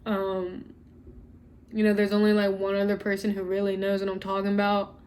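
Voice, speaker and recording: A woman's voice: medium pitch, monotone, moderate pace, a little mellow. A young woman talking to camera in a casual, earnest way, chatting directly to her viewers with lots of "like" and "y'all.". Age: young adult. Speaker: vlogger.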